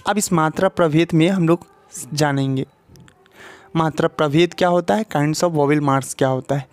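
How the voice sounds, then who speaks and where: A man's voice: on the high side, moderate pace, clean tone, no room sound. A man with a Hindi accent teaching a spoken English lesson at a board, explaining step by step and checking in with the viewer as he goes. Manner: explains step by step, often adds "ठीक है" and asks questions to the viewer.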